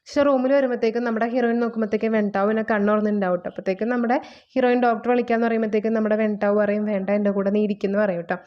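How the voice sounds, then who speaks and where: A woman's voice: on the high side, fairly even intonation, rapid-fire, dull audio. A woman retelling a drama's plot in a casual, chatty way, often adding friendly asides to her sentences. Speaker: drama recap narrator.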